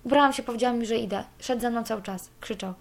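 A woman's voice: fairly high pitch, fast talker, creaky. A young woman giving a candid personal account, cursing freely as she talks. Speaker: interviewee.

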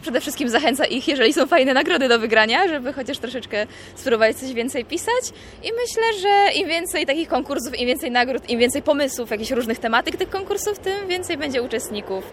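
A woman's voice: sits high, expressive, fairly quick, hardly any pauses, slight background noise. A woman coordinating a poetry event, answering a reporter in an upbeat, explanatory way. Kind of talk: interview answers.

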